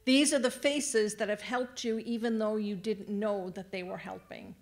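A woman with a steady, mid-range voice and moderate pace addresses graduates at a ceremony, walking them through the tassel ritual. As an adult education staff speaker, she gives warm instructions from a podium microphone in a large venue.

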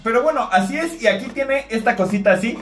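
A man in his thirties with a Mexican accent, testing a product on camera at home with a jokey, excitable manner, talking straight to viewers. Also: very high voice, fast talker. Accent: Mexican Spanish. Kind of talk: casual on-camera product test. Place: home bathroom and shower, indoors. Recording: roomy, distant, faint music.

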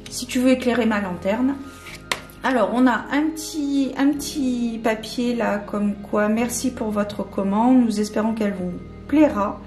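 A woman's voice: a little high, a little slow, darkish tone. A woman chatting casually through a candle unboxing, hesitant and full of fillers. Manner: hesitant, many fillers and restarts. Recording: echoey room with faint music.

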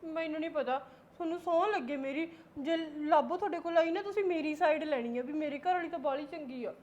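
A suspicious, quarrelsome young wife, played by a woman, with a very high voice. She talks fast and argues constantly, pushing her accusations. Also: a little mellow, close to an everyday voice. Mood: pleading. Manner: argumentative, accusing.

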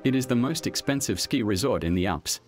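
A man reading a scripted documentary voice-over in a measured, even delivery. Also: medium pitch. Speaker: documentary narrator. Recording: voice-over with music bed. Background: background music.

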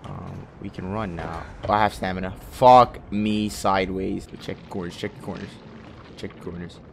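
Low-voiced young man, nervous slangy gamer. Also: steady tone, normal speed, creaky, slight background noise. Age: young adult. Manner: slangy, sweary, nervous muttering. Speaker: gamer, host of a horror game playthrough. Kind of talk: casual gameplay commentary. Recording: music behind the voice.

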